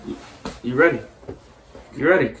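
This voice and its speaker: A man's voice: mid-range voice, normal speed, fairly bright tone, far from the mic, a little hiss or hum. A young man hosting his channel, joking in casual slang and often asking "you feel me". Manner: slangy, playful, keeps saying "you feel me". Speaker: channel host. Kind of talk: casual video chat. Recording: roomy echo, away from the mic.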